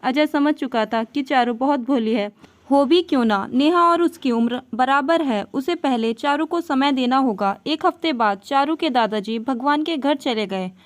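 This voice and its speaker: A woman narrating a moral story from a script, her voice pitched high. She tells it gently and evenly, in a steady storyteller's rhythm. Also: moderate pace.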